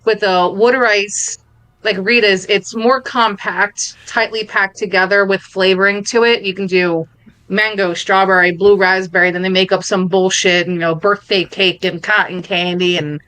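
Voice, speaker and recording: A woman's voice: medium pitch, steady tone, moderate pace, a bit bright, clean tone, no echo. A woman with a Philadelphia and North Jersey accent, co-hosting a podcast in casual, enthusiastic chat and laughing often. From Philadelphia area. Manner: enthusiastic, laughs often, rambling food descriptions. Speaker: podcast co-host.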